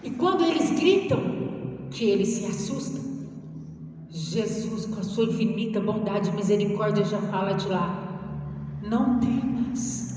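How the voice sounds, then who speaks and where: A woman's voice: medium pitch, fairly even intonation, a little slow, mellow, a little hiss or hum. A Brazilian woman missionary preaching a Pentecostal sermon with an impassioned, chanting, rising cadence. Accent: Brazilian Portuguese. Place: large church hall. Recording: echoey church hall from far off.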